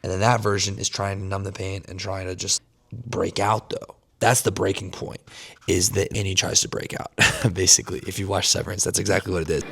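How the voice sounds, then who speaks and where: A young man vlogging about emotional growth, talking fast and earnestly in rambling, repeated phrases, caffeinated and fasting. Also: sits low, flat delivery, creaky, a bit bright, husky. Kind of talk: unscripted talk to camera.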